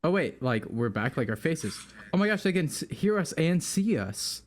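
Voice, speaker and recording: A man's voice: a little high, sing-song, moderate pace. A man chatting casually as a player on a tabletop game stream, giggly and easily cracking up. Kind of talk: casual banter with fellow players.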